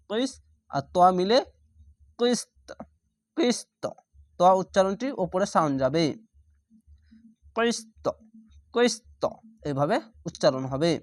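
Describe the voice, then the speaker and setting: Man for a recitation lesson, patient spelling of each syllable, then the drawn-out word, in a dry, close sound. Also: a little high, dry recording. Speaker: Quran reading teacher.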